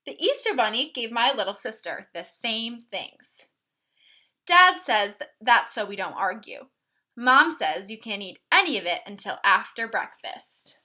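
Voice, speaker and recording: With a sing-song, fairly high and sharp-toned voice, a woman reads a picture book to children at a measured pace. She stops to explain things simply and ask the kids questions, instructing them as a teacher would.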